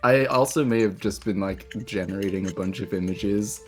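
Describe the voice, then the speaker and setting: A man playing in a tabletop game, chatting eagerly and excitedly. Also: fairly low pitch, moderate pace, faint music behind. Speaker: player. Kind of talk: casual chat during a game session.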